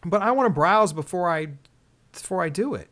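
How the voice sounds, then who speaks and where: Guy hosting a tech show, talks quick, kinda exasperated and gripey. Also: high-pitched, expressive, a bit bright. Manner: griping, exasperated. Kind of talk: casual tech review chat.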